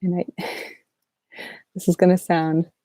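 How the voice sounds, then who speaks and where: A sleep-deprived woman chatting softly and casually as an ASMR livestream host, in a halting, low-energy, rambling way. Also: little pitch movement, no echo, clean studio sound. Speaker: ASMR artist hosting a livestream Q&A.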